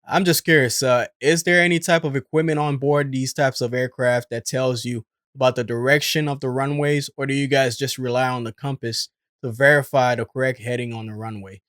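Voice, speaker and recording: A man's voice: medium pitch, fairly even intonation, fairly quick, fairly bright tone, no room sound, clean studio sound. A man hosting and giving explanatory voice-over commentary. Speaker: host and commentator.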